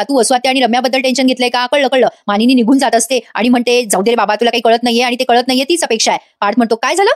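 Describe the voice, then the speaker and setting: A woman's voice: sits high, no room sound, clean studio sound. A woman recapping a TV serial episode in casual chat, acting out the characters' lines and teasing her viewers. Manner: chatty, acts out the dialogue, teasing asides to viewers.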